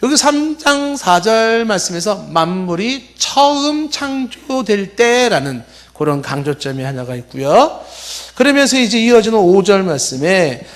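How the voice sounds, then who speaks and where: A man's voice: high voice, very animated, a little slow. A middle-aged male pastor giving a Bible-teaching sermon, explaining with rhetorical questions and reading passages aloud. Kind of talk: expository sermon.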